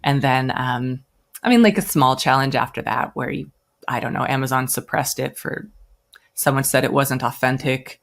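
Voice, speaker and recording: Bass-voiced with vocal fry, an American woman speaks at normal speed while telling how she founded her brand. The interview is casual, and she's chatty, acting out the voices of the people she quotes.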